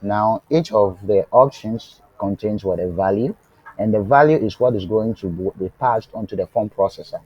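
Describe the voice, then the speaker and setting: This man's voice sits lowish with a breathy edge, captured lo-fi with no echo. Teaching web development live online, he moves at a slow, deliberate pace full of fillers and restarts, repeatedly posing a rhetorical "what?" and letting the class finish the thought while checking they follow. His voice occasionally grows faint over the remote link.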